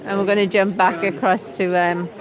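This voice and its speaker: A woman co-commentates on a live event in a chatty, conversational way. Her voice is mid-pitched, with clear crowd noise outdoors behind her. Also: flat delivery, a little fast, rough recording.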